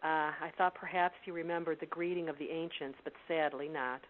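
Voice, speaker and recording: A woman's voice: sits low, steady tone, fairly quick, close to an everyday voice. A woman reading as a sly old wizard. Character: elderly male Welsh wizard, sly and kindly. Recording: tinny phone line with hiss.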